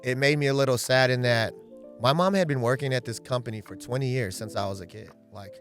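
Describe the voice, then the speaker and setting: Speaking fast in a medium, somewhat bright voice, this West Coast real estate agent in his thirties gives a long, earnest interview outdoors in a backyard, sprinkling in "right?" and "um" during the casual talk. Soft music plays in the background.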